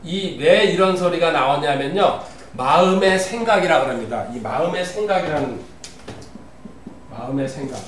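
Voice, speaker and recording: A man's voice: fairly high pitch, expressive, moderate pace. Guy pastor preaching, reads bible verses, asks the room questions, echoey, a bit far off, faint room hum. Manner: teaching with scripture readings, asks the congregation questions. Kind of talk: sermon. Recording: roomy, distant, faint ambience.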